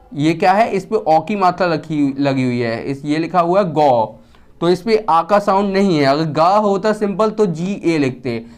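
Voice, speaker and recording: Male teacher with a slightly high voice, drills the students with question-and-answer repetition. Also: darkish tone. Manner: asks questions and answers them himself; repeats key words slowly, dropping his pitch. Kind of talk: classroom-style lesson.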